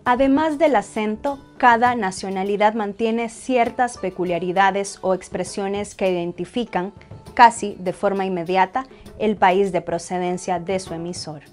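A woman from Nicaragua reads a news report in a calm, measured voice. Her pitch sits in the middle, and faint music runs under her. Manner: even, measured reading. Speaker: reporter narrator. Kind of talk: scripted news narration.

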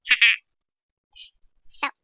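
A woman's voice, sped up into a chipmunk sound yet very slow in delivery, comes across bright and forceful in clean, echo-free studio audio. She chats and rambles through a casual screen-recording tutorial, talking to herself as she edits.

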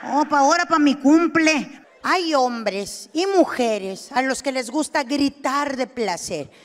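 A young adult woman with a Mexican accent doing stand-up comedy, telling a story and acting out both sides with loud exclamations. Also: high voice, expressive, takes it slowly, a little hiss or hum. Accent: Mexican Spanish. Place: stage before a live audience.

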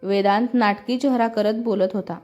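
A woman's voice: mid-range voice, fairly even intonation, normal speed. Woman narrating a story over music. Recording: slightly muffled with soft music.

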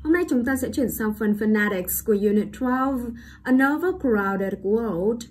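A woman with a Vietnamese accent, teaching an English pronunciation lesson online. She repeats each word slowly, then explains it with frequent rhetorical checks. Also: a little high, expressive, darkish tone, slightly rough.

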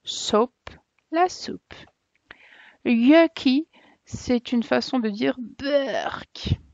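Slow-speaking teacher with a dull dry sound. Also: female voice, fairly high pitch, gravelly, a little mellow, no room sound. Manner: reads each word, then its translation. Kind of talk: vocabulary lesson for children.

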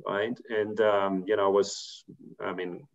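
His pitch is fairly low, his tone level, and his pace measured. He's a man in his fifties from Belgium who works as a corporate treasurer, giving thoughtful career advice on a video call from an indoor room at home, with many fillers and restarts. The audio is muffled.

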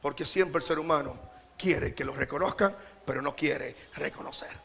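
A male pastor preaching with a notably high voice. He jokes and laughs easily and keeps calling out rhetorical questions to the congregation. His delivery stays animated throughout. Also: normal speed, creaky, a little hiss or hum. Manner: humorous, laughs often.

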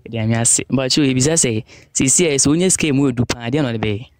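A young man with a Ghanaian accent, interviewing passers-by outdoors on a town street, talking into a handheld phone and switching briskly between English and local phrases. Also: medium pitch, dry recording. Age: young adult. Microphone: handheld phone held out to guests. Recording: noisy outdoor street recording.

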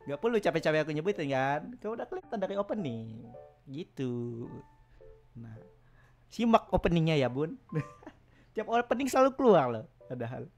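A young man streaming casually, teasing his chat and laughing often, with sudden loud outbursts. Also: a little high, very animated, normal speed, soft background music. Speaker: VTuber streamer. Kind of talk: casual live stream chat reading viewer messages.

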